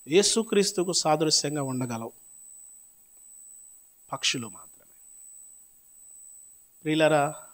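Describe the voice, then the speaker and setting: A male pastor with a Telugu accent preaching a sermon, swinging between loud outbursts and quiet murmurs and questioning the congregation. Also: mid-range voice. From South India. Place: church hall.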